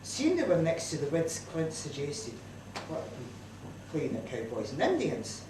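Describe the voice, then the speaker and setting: Broad Scots woman, comic monologue, lively pitch, distant roomy hall recording with noise. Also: unhurried. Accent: Scottish, broad Scots. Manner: lively, chatty Scots dialect delivery. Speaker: storyteller at a community event. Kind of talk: comic monologue told as a mother's letter. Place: community centre hall, live audience.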